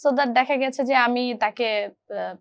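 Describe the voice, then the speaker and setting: A woman's voice: a little high, moderate pace, gravelly. A young woman from Bangladesh, an actress, chatting in an interview and slipping English words into her talk. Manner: chatty, mixes English words, hesitant fillers. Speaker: actress guest. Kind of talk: casual interview chat.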